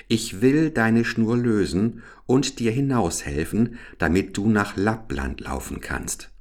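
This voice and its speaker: A man voicing a fierce, wild little robber girl who talks in a bossy, teasing and threatening way. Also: on the low side.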